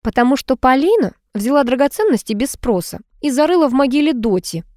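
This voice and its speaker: A woman voicing a composed, educated older woman who speaks in a measured, lecturing way in an audiobook. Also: sits high, big pitch swings, darkish tone, dry recording, studio quality, voice pushed up. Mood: reproachful.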